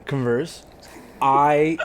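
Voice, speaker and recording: A man's voice: a little high, fairly even intonation, extremely slow, slight background noise. A young man co-hosting a podcast, telling stories in a casual chat, mimicking people and switching between English and Spanish. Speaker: podcast co-host.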